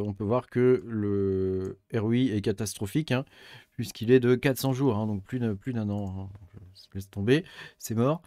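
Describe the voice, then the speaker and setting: A man's voice: lowish voice, a little mellow, dry recording, studio quality. A man casually explaining graphics cards for crypto mining over a screen share, hesitant, with many fillers and restarts. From Europe.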